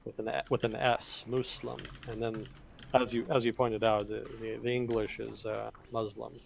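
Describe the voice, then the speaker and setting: A man co-hosting a casual livestream, explaining world affairs in a measured way with fillers and self-corrections. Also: fairly low pitch, little pitch movement, creaky, slight background noise. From United States.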